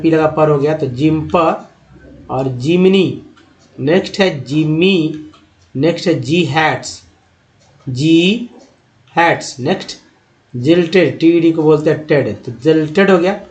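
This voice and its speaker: Man slowly sounding out English words. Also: fairly high pitch, a little mellow. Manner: patient, repeats words slowly to sound them out. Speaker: English teacher. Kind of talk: Hindi-language phonics lesson.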